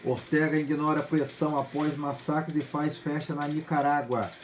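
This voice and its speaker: A Brazilian man hosts a news program, rattling off headlines one after another in a brisk, matter-of-fact read. His voice sits a little higher than most men's, and light music plays underneath. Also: little pitch movement. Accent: Brazilian Portuguese. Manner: brisk headline delivery with small slips. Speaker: news host.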